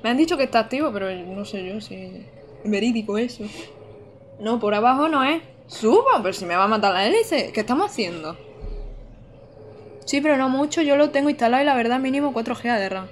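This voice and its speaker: A woman's voice: on the high side, lively intonation, fairly quick, a little hiss or hum. Chatty woman streaming a game. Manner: chatty, laughs often, reads chat aloud. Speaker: streamer playing a video game. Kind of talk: casual live-stream chat.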